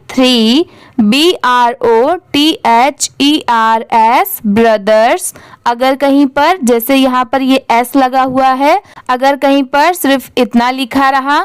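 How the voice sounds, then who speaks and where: A woman's voice: sits high, clean tone, dry recording. A young woman teaching English reading, spelling each word out letter by letter and checking in often with her students.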